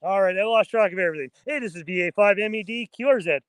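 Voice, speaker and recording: A man's voice: sits high, fast talker, a bit bright, clear, resonant tone, dry recording. A man hosting an informal amateur radio vlog, mixing chatty remarks with phonetic callsign calls. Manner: informal, chatty, addresses viewers as guys. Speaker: amateur radio operator, host.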